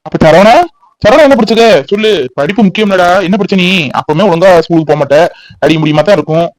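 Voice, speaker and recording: A man voicing a remorseful father back home after years away in an animated family drama, gentle and questioning. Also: high voice, fast, background noise, natural voice. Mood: fatherly.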